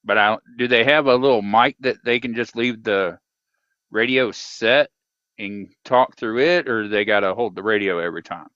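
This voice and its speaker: A man's voice: on the low side, normal speed, a bit bright, clear, resonant tone, dry recording. A man calling in over a sideband CB radio, slightly off-tune, chatting in a laid-back, rambling way as a pilot car driver. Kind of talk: casual chat over the radio. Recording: muffled lo-fi radio transmission.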